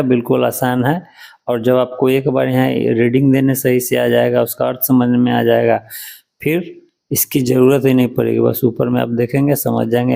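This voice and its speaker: A man's voice: medium pitch, vocal fry, warm tone. A man, teaching English reading in a patient, repetitive, step-by-step way. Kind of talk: explaining a lesson.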